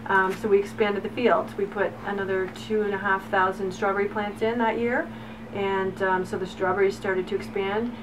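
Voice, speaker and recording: A woman's voice: mid-range voice, little pitch movement, normal speed. Chatty middle-aged woman, recorded from a distance. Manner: enthusiastic, chatty, many fillers. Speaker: farm owner. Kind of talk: casual interview storytelling. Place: outdoors on a farm. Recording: distant mic with background noise.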